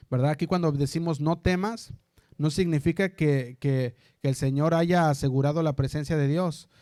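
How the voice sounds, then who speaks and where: Man, pastor preaching a sermon, mellow dark voice, dry close sound. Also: a little high, dry recording. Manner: preaching, often asking the congregation "¿verdad?"; slows down and stresses quoted scripture.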